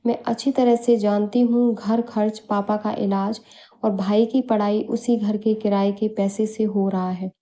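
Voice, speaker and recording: A woman's voice: medium pitch, level tone, unhurried, warm tone, muffled recording, close to an everyday voice. A woman voicing an unhappy young married daughter who speaks hesitantly, for a storybook. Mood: troubled. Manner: hesitant, denying then pouring out.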